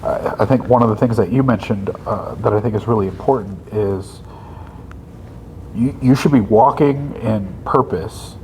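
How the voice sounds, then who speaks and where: A man's voice: on the low side, moderate pace, dark tone, a little hiss or hum, rough recording. A man in his thirties co-hosting a casual faith podcast, thinking aloud and checking in with his listener as he goes. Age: 30s. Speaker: podcast co-host.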